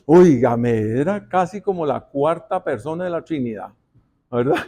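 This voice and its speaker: A man's voice: fairly high pitch, lively intonation, moderate pace, dark tone. A man preaching a sermon in church, talking with the congregation through rhetorical questions. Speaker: pastor.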